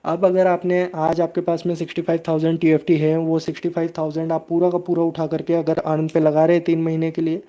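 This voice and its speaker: A man's voice: on the high side, monotone, fast talker, few pauses, warm tone. A man hosting a crypto channel, explaining steadily in a live stream and answering viewer chat, with frequent hesitation sounds.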